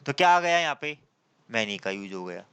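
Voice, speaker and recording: A man teaching an exam-prep class, lively and questioning, who keeps asking his students questions and answers them himself, reading English examples slowly. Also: mid-range voice, clean tone. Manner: mixes casual slang with slow, drawn-out English example sentences. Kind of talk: classroom lecture.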